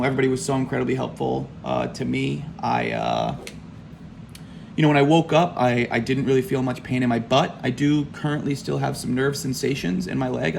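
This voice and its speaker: A man speaking casually in a video diary, hesitant and repeating words, with a gravelly voice full of vocal fry. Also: medium pitch. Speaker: patient recounting his back surgery. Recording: faint background room noise.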